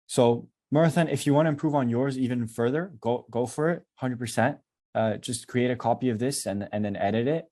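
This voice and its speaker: A man with a mellow, relaxed tone leads a coaching session over a video call. His advice comes quick, casual and direct. He sounds upbeat and informal with the people he coaches. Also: mid-range voice. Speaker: business coach.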